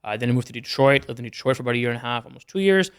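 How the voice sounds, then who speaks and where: In a relaxed interview chat, this young entrepreneur from Canada rattles off his business figures as a podcast guest, plainly and without fuss. He speaks at a rapid-fire clip in a mid-range voice that is expressive, clear, and resonant.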